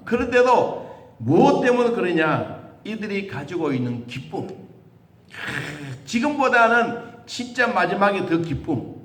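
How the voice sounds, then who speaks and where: A man preaching a sermon as pastor, asking rhetorical questions and acting out the voices he quotes. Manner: animated, with sudden high jumps in pitch and rhetorical questions. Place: church sanctuary. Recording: echoey church hall.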